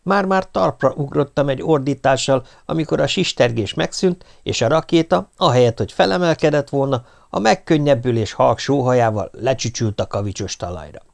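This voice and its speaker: A man's voice: mid-range voice, lively intonation, vocal fry, hardly any pauses. A man reading a humorous first-person audiobook with a wry, dry delivery. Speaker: audiobook reader.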